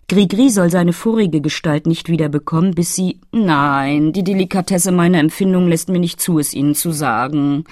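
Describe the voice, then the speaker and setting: A woman's voice: low voice, a little mellow, no echo, studio quality. Woman reading as a coy, tipsy fairy. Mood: bashful. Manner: coy, roundabout, fussing. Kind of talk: audiobook reading.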